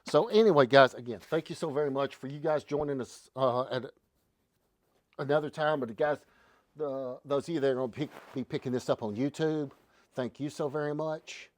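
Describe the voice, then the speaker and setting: A man hosting a casual livestream, talking in a folksy, relaxed way. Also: mid-range voice, normal speed. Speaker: show host.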